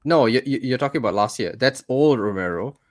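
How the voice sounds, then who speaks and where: A man's voice: mid-range voice, animated, fairly quick. A man co-hosting a casual fantasy football podcast, chatty and exasperated, often calling his partner "mate". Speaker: podcast co-host. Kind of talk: casual chat.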